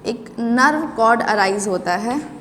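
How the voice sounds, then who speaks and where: A woman's voice: on the high side, lively intonation, fairly bright tone, in a large hall, slight background noise. A woman teaching a biology lecture in a classroom, explaining step by step, asking the class questions and stretching out key terms. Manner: drawn-out emphasis on technical words, then bursts of quick speech. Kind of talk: classroom lecture mixing Hindi and English.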